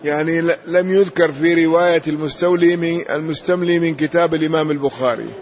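A man's voice: a little high, lo-fi sound, slight background noise. A man teaching, explaining each phrase of a text that was just read and confirming with short affirmations. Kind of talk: explanatory lecture.

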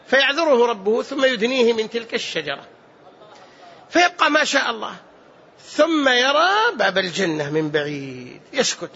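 Male preacher, very high and bright, acts out the story's dialogue in his sermon, dull lo-fi recording. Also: husky. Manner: retells a tale, acting out its dialogue with dramatic shifts and chuckles.

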